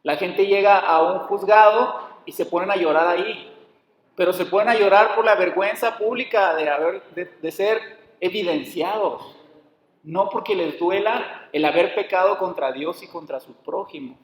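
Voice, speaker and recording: A man's voice: high-pitched, moderate pace. A man preaching a sermon, calling his listeners brothers and putting rhetorical questions to them. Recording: echoey hall.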